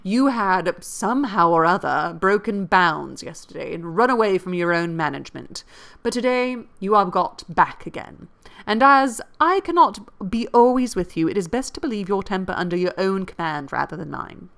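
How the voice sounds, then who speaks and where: A woman reading the lines of a clever, playful young lady in a classic novel, in a brisk teasing way. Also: mid-range voice, animated, gravelly, a bit bright.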